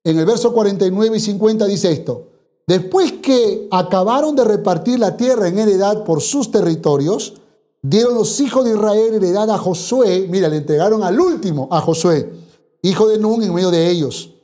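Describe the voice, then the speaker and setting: A pastor delivering a sermon with a mellow, warm tone. The delivery is emphatic, driving points home through repeated phrases and pointed rhetorical questions. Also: medium pitch, lively intonation, moderate pace.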